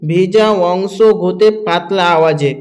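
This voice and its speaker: A man teaching Quran pronunciation, slowly drilling each Arabic letter sound over and over. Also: sits high. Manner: slow, repeating each letter sound several times.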